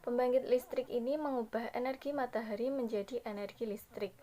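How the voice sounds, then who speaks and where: A young woman, a university student, presenting in class, reading smoothly and formally. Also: fairly high pitch, steady tone, a little fast, mellow. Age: young adult.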